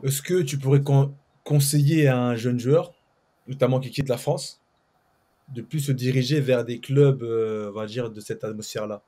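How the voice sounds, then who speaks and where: A man's voice: medium pitch, fairly even intonation, normal speed, warm tone. A man co-hosting a casual chat show, asking long questions full of hesitations. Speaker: co-host.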